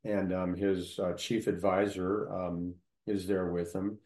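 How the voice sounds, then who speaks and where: A man in casual conversation, telling local history at length, halting often with fillers and restarts. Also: deep voice, flat delivery, darkish tone, echoey room.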